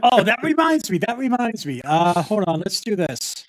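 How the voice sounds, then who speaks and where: A man's voice: high-pitched, very animated, normal speed. A man hosting a casual livestream chat, talking through a crackling, distorted mic in a flustered, self-mocking way. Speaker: stream host. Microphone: headset mic.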